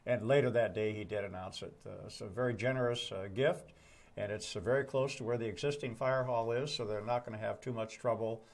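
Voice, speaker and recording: A man's voice: medium pitch, steady tone, brisk. Folksy man hosting a morning show. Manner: folksy, wry joking. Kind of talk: casual co-hosted morning chat.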